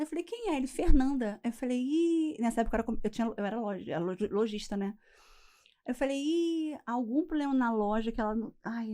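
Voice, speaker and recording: A woman's voice: fairly high pitch, mellow. A woman, a coach guest telling a personal story in a casual chat and acting out the voices of the people in it. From Rio de Janeiro, Brazil. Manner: acts out quoted voices, laughs through the telling. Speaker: weight-loss coach guest.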